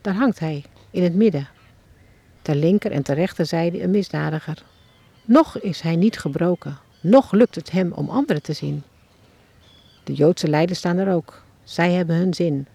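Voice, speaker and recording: A woman tells a devotional story as an eyewitness, turning again and again to the listener with questions. Her voice is gravelly and has a husky edge. She sounds like a children's author reading her own story aloud. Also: lowish voice, normal speed, mellow. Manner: addresses the listener directly with questions, as if standing at the scene.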